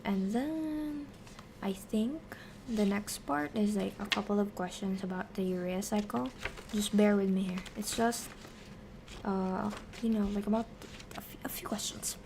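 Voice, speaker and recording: Woman on a study stream explaining science q&a, kinda talking to herself, medium pitch, a bit of noise behind her. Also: steady tone, a little slow. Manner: talks to herself while working through answers. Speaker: streamer teaching biochemistry. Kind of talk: casual study-stream explanation, question and answer.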